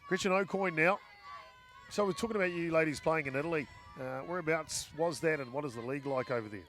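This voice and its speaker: A man giving live play-by-play commentary at a softball game, chatting with his co-commentator between plays and getting loud on big hits. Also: on the high side, fast. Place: outdoor ballpark.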